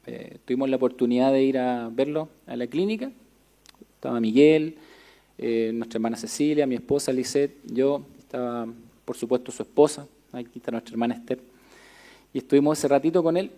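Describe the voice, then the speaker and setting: A man's voice: mid-range voice, a little fast, warm tone. A man preaching in a church, telling a personal story with frequent fillers, then reading scripture aloud. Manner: conversational, hesitant with many fillers, reads scripture steadily. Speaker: pastor.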